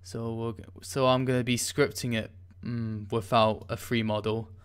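A tutorial host with a medium-pitched, clear, resonant voice speaks at a moderate pace with flat delivery. He runs a casual coding tutorial, talking through his screen in a hesitant way, with many ums and restarts as he types.

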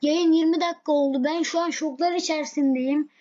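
A high-voiced woman streaming a game live, narrating each move in an excitable, easily frustrated way and repeating her complaints. The audio is dull and lo-fi, like a home stream. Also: fairly quick. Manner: excitable, frustrated, repeats herself while playing. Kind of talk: live gameplay commentary.

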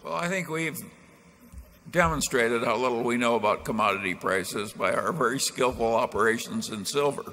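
An older man speaks at a table microphone on a large stage, his voice bright and clear-edged. He delivers a dry, sardonic understatement. The hall adds a long reverb and a faint hum of room noise. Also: medium pitch, normal speed. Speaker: vice chairman at a shareholder meeting. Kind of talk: brief dry remark on stage.

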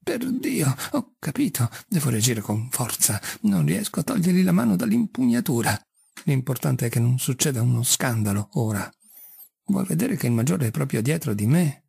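Male audiobook reader, jumpy inner monologue, dark husky voice, dry close sound. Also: medium pitch, expressive, normal speed, no echo. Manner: agitated, swings between sudden exclamations and muttered asides. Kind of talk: dramatic reading of an interior monologue.

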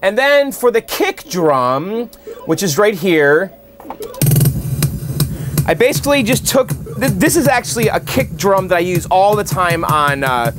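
A man's voice: sits high, sing-song, measured pace, over music. A man hosting his own channel, casually walking through how he built a song at his home studio computer, chatty and full of fillers and restarts. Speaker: channel host. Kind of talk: casual walkthrough and tutorial. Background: his synth tracks playing clearly.

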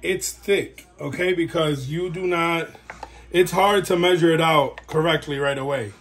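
A man's voice: on the high side, unhurried, a bit bright. A man breeding dogs, rambling casually through a how-to vlog from home while he works. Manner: rambling and chatty, talks while working. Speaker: dog breeder. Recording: noisy home recording.

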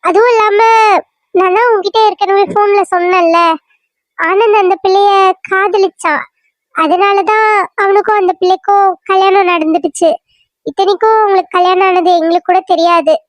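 A calm, reasoning mother-in-law from a cartoon serial, as a woman voices her, trying to settle a family quarrel in a Kanyakumari Tamil accent. Her voice is extremely high and thin. The recording is dry, with no room sound. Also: moderate pace, long pauses, dry recording. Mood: explaining. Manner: soothing, reasoning, patient. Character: mother-in-law, calm, soothing visiting relative.

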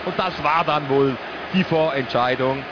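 Over loud stadium crowd noise, a man with a mid-range voice calmly commentates on a televised football match, breaking down the play in short phrases. The broadcast audio comes through muffled.

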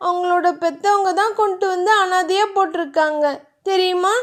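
A woman voicing an innocent, childlike young woman who pleads in a high, anxious voice, in a romance audiobook. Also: steady tone, normal speed. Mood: sad.

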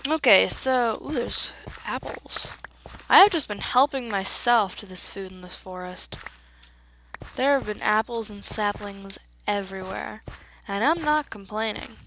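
Her voice sits at medium pitch and moves at a measured pace, a bit bright but slightly congested, as though her nose is stuffed up. She's a gaming channel host giving playful, chatty let's-play commentary. The audio is poor, with a little hiss or hum.

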